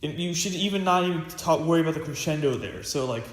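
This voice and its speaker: A teenage student percussionist talks quickly in a slightly high voice while giving an informal snare drum lesson on a practice pad. He rambles, restarting often and filling gaps with filler words. The practice room sounds echoey, and there's loud hiss.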